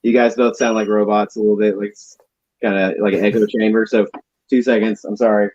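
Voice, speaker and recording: Guy hosting a toy chat on a call, lowish voice, dry muffled sound, lots of ums. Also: little pitch movement, a little fast, darkish tone, no room sound. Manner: friendly, filler-heavy, apologetic. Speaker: podcast host. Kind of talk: casual video-call chat. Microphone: video call.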